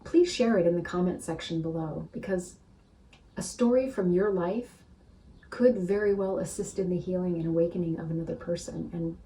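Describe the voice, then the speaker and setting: A woman with a low, mellow voice teaches a spiritual practice in a gentle, soothing way. She often checks in with the listener. Her voice sounds a little distant from the mic, with faint noise behind. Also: normal speed.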